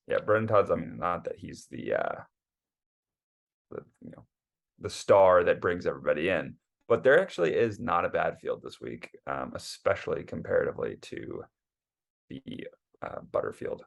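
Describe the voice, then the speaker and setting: Gravelly low-voiced man rambling about golf. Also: big pitch swings, normal speed. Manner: rambling, stammering restarts and fillers. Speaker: podcast co-host. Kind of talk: casual sports chat.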